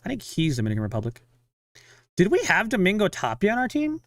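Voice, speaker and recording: A young man talks casually to his live-stream viewers with a lively, animated voice that swings widely in pitch. His pitch sits a little above average for a man. The sound is close and dry, with no room echo. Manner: chatty, self-talking, sighs of frustration and quick laughs. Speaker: fan streamer watching a live game.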